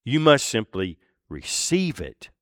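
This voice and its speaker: A man preaching a sermon, earnest and deliberate, with pauses and emphatic repeats. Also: medium pitch, big pitch swings, fairly bright tone, dry recording, clean studio sound. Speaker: pastor.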